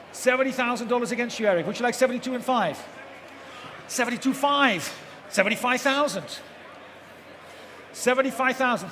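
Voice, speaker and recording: A man's voice: very high-pitched, sharp tone. A man working as an auctioneer, calling bids live in a repetitive chant and prompting bidders for the next figure. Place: large auction hall with live audience. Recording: echoey noisy hall, amplified live event.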